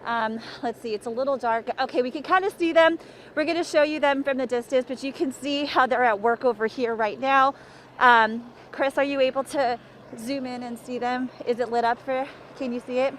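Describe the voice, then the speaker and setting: A woman's voice: high voice, fairly even intonation, normal speed, a bit bright, a little hiss or hum. A woman field reporter walking and talking urgently through a live breaking news report outdoors near a wildfire, out of breath.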